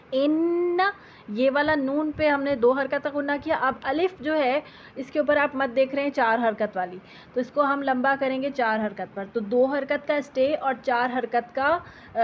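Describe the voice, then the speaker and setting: A woman teaching tajweed, patiently explaining letters and reciting Quranic verses slowly. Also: sits high, highs cut off, slight background noise.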